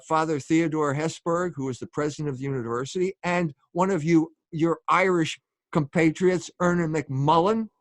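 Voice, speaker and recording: A man with a notably high voice gives a public lecture, speaking with earnest emphasis. His words come across dry and close, with no room echo around them. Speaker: speaker and author.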